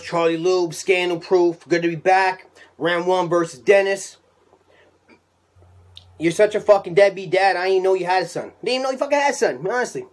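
A man performing an aggressive battle rap verse, cocky and insulting in his delivery. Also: sits high. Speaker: battle rapper.

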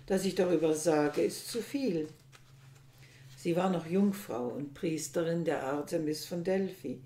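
Woman reading old man, grief-stricken father, loud impassioned accusations, warm tone, roomy echo. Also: lowish voice. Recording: echoey room.

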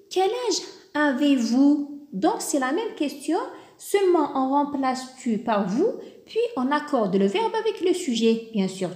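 A woman gives a French grammar lesson at a very slow, careful pace. She sounds patient, repeats every form and leans on the words that matter. Her voice sits a little high, in a room with a noticeable echo. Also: a little mellow. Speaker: French teacher. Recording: roomy echo.

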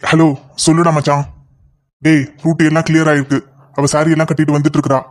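A man voicing an impatient young lover in a cartoon, talking fast and insistently. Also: fairly high pitch, level tone, lightly acted. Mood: eager. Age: young adult. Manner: rapid, insistent scolding. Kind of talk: cartoon voice acting.

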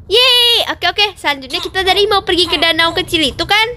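A woman voicing a cheerful, excitable boy who plays a game with his little sister and keeps crying out in surprise. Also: very high voice, fairly quick, full character voice. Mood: excited. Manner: excitable, frequent exclamations. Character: cheerful excitable boy, big brother gamer. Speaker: older sibling playing a game. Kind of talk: playful game-play voice acting.

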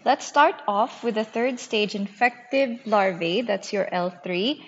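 A woman's voice: medium pitch, a little slow, slight background noise. Woman teaching a class, muffled and echoing. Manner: teacher addressing a class, explanatory. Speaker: medical lecturer teaching a class. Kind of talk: scripted slide lecture. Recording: muffled, reverberant narrated slide recording.

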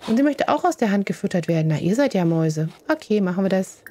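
A woman's voice: medium pitch, animated, quick pace, warm tone. A woman hosting a casual gaming let's play, chatting along as she plays and cooing fondly at the animals. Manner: coos fondly at her game animals.

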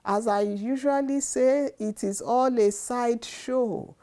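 Earnest woman preaching slowly. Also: on the high side, warm tone. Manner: earnest, repeats phrases for emphasis. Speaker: devotional speaker. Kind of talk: devotional sermon to camera. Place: living room, seated on sofa. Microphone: lapel mic.

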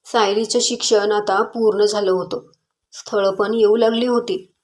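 A woman narrates a moral story in a calm, steady reading voice. Her pitch sits in the middle range for a woman, and the delivery is scripted and even. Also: unhurried.

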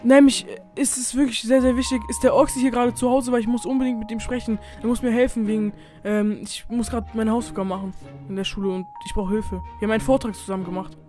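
A man's voice: extremely high pitch, little pitch movement, quick pace, darkish tone, faint music behind. A man playing a laid-back young friend who talks in slang, in a casual game role-play. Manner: slangy and chatty, says "fresh" and "Bro".

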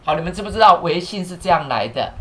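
On a live stream, a man teaches English by spelling words letter by letter and repeating each phrase, with plenty of fillers. He thanks viewers as he goes and asks the crew to fix the captions. His voice sits high and a bit bright, animated and quick.

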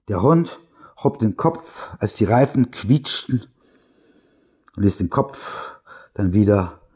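Male narrator, horror audiobook reading, husky, lively pitch, dramatic and hushed. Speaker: reader.

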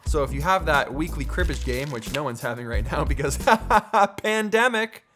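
A man's voice: medium pitch, brisk. A man in his thirties hosting a casual top ten countdown to camera, speaking emphatically and with joking asides. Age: 30s. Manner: animated, emphatic, jokey asides. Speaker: host of a gift guide video. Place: dim lounge-like room indoors, seated at a table. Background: background music.

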